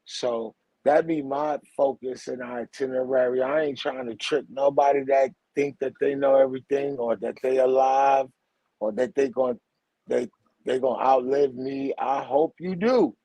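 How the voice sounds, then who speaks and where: A man in his forties who grew up in Brooklyn speaks a little slowly with a steady, warm, medium-pitched voice and some vocal fry, in a rough, dry recording. The teacher and author, here as a guest, rambles in slang through casual spiritual conversation, often repeating "you heard?" and "for real."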